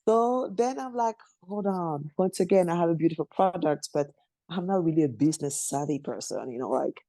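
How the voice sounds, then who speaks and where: A woman's voice: on the low side, lively intonation, brisk, mellow, no room sound. A woman from Congo, a guest on a podcast interview, telling her story in loose non-native English, laughing often and acting out the voices of people she quotes. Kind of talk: conversational interview.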